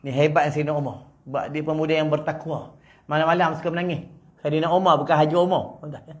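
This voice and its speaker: A man with a Malaysian Malay accent giving a humorous religious lecture in a prayer hall, teasing his audience and swinging between loud and soft. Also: on the high side, little pitch movement, fast. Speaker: preacher.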